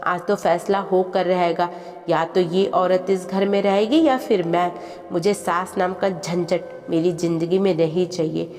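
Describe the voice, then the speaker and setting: Woman reading as an angry young wife scolding loudly. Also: on the low side, fairly even intonation, a little slow, close to an everyday voice. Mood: tearful demanding. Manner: loud, scolding. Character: angry young wife shouting at her mother-in-law. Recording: long reverb with background music.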